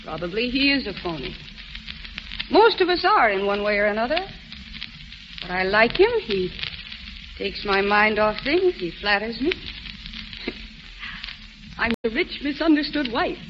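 An actress playing Mary, a rich, restless society wife in a 1940s radio drama, on a dull old recording. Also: female voice, medium pitch, lively intonation, normal speed, long pauses, noisy background, lightly acted. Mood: breezy.

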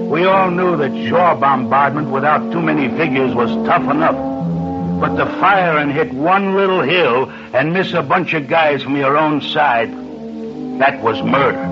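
An actor playing a tense, hard-bitten sailor narrating a war story in dramatic old radio style. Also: male voice, a little high. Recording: muffled old radio recording. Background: music.

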